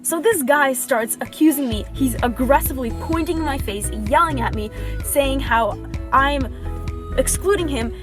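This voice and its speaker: A woman's voice: sits high, normal speed, music in the background. A young woman telling a personal story in a casual vlog, filmed close up on a camera in her parked car. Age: young adult. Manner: chatty and confiding, drops to a whisper when nervous. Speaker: vlogger. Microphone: camera mounted close in car.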